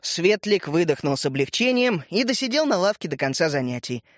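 A man narrating a children's story in a measured, expressive reading. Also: high-pitched, no echo, clean studio sound.

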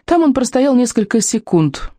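A reader telling a children's adventure story with a lively, animated delivery that rises and falls a lot. The voice is warm and mellow, recorded dry and close with no room sound. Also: medium pitch, moderate pace, no echo. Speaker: audiobook reader. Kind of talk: scripted narration of a children's adventure book.

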